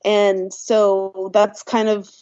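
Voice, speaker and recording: A woman in her thirties from the Bahamas, an artist and teacher, answering interview questions in a relaxed, storytelling way with some fillers. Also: medium pitch, drawn-out words, smooth, highs cut off. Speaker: guest artist and art teacher.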